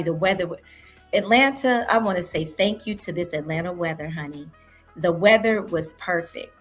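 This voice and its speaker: Husky-voiced chatty woman show host. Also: lowish voice. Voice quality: sultry, husky from homecoming weekend. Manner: chatty and storytelling, calls listeners honey. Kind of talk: casual morning show chat.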